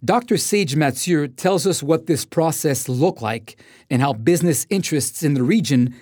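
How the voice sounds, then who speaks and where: Measured male documentary narrator. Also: a little high, expressive, a little mellow, no echo, clean studio sound. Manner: measured, formal delivery. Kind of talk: scripted narration.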